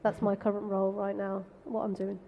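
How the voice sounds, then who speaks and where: A woman from the Canary Islands in Spain, speaking on a tech panel in a brisk, frank, self-deprecating way. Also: medium pitch, monotone, gravelly, muffled recording. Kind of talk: conversational panel talk. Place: conference stage. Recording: long hall reverb.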